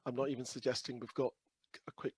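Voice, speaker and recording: A man with a croaky, hoarse voice presenting a webinar over a video call in a humble, hesitant, explanatory way. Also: medium pitch, little pitch movement, fast, no room sound. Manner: humble, hesitant, softly hedging. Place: video call with screen sharing.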